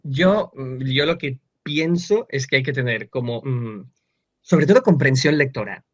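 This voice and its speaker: A man's voice: medium pitch, expressive, unhurried, no room sound. A man, a dubbing actor and translator, talking thoughtfully with many fillers and restarts in a casual video-call interview. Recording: dull lo-fi video-call sound.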